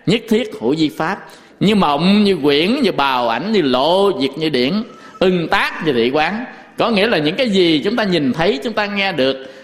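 Male Buddhist preacher, somewhat higher pitch, folksy storyteller. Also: fairly bright tone, big-room sound. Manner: folksy, rhetorical questions, storytelling. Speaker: Buddhist monk teacher. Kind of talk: dharma talk.

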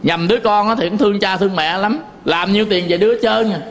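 A Buddhist monk teacher gives a sermon in a Southern Vietnamese accent, his high-pitched voice quick and a bit bright. He tells folksy stories, chuckles often, and talks straight to his listeners.

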